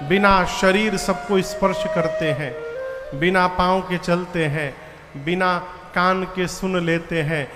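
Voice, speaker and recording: High-voiced preacher, echoey hall. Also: male voice, fairly even intonation, slow. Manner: chants verses and speaks directly to the audience. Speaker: katha preacher. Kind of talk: devotional storytelling sermon. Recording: echoey hall with live flute music.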